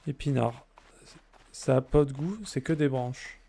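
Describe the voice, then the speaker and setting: Here a man streaming a game talks in a medium-pitched, warm voice with vocal fry, pacing himself a little slowly. He's a let's play streamer, casually joking with viewers and replying to their messages.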